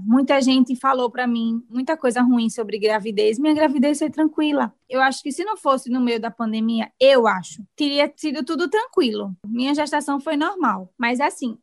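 A woman in her thirties, a new mother, giving an earnest personal testimony in an interview, telling her story with lively quoted dialogue. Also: sits high. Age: 30s.

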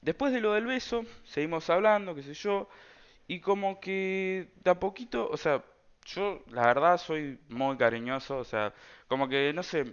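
A man's voice: a little high, expressive, measured pace, clear, resonant tone, dull audio. A man with an Argentine Rioplatense accent telling a personal story in a casual, rambling way, full of slang and fillers. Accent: Argentine Rioplatense Spanish. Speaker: storyteller vlogger.

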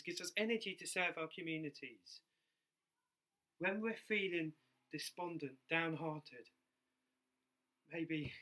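A man preaching a sermon, repeating key phrases for emphasis, with R's that come out close to W. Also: on the high side. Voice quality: soft R's pronounced close to W. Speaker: preacher in ministry.

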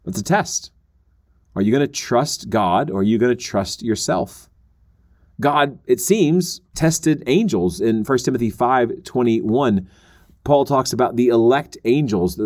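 Guy teaching bible stuff on a podcast, earnest, explains step by step, mid pitch. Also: lively intonation, a little slow, darkish tone. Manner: earnest, explanatory, acts out quoted voices.

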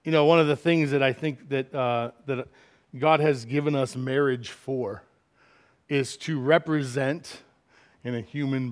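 A middle-aged man preaching a sermon as pastor, swinging from loud, emphatic lines to quiet asides. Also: fairly high pitch.

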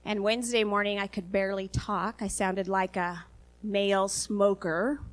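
A woman giving an earnest church sermon, a little sniffly from a recent virus and halting at times with fillers. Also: medium pitch, level tone. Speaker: lay preacher.

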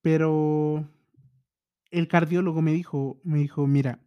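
A young man telling a personal story in a halting, emotional way, full of repeated restarts. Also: a little high, steady tone, smooth, dry recording, highs cut off.

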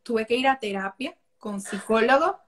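A woman, a holistic therapist, chatting as an interview guest and telling family stories warmly. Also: on the high side, animated, normal speed. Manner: warm storytelling, acts out family quotes. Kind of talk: casual interview conversation.

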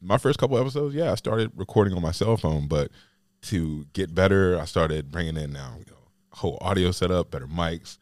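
A man's voice: sits low, lively intonation, a little fast, a little mellow, dry recording. A man hosting a podcast, chatting casually and rambling with lots of "like" fillers. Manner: rambling, heavy use of "like" fillers. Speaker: podcast host.

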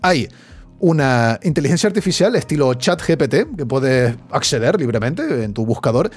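A young man with a Spain Spanish accent, hosting a podcast in a chatty, slangy, animated way. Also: mid-range voice, moderate pace, husky, faint music behind. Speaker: podcast host. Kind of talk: casual news chat.

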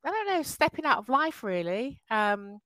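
An English woman in her 50s tells her life story as a podcast guest in a casual interview over a call. Her voice is high and sing-song at a moderate pace, the audio poor and free of room sound. Warm and chatty, she laughs often and restarts sentences.

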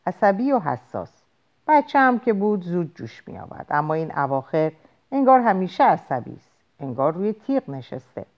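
A woman narrating an audiobook in an expressive storytelling manner. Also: low-pitched.

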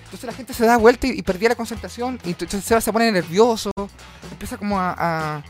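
A man with a Chilean accent, a comedian hosting a casual show, telling stories in an animated, slangy and profane way. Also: high voice, quick pace, faint music behind. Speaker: comedian host.

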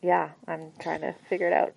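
A woman's voice: fairly low pitch, level tone, fairly quick, gravelly, darkish tone, no room sound. A woman co-hosting a casual radio chat show, thinking aloud and laughing easily. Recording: dull lo-fi sound, dry.

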